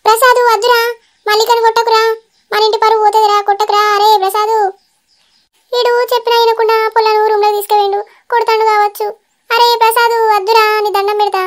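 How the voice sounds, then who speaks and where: A woman voicing a fussing cartoon mother with a Telangana Telugu accent, anxious about the family's honor. The voice is extremely high and fretful. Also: little pitch movement, fast talker. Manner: nagging, fretful.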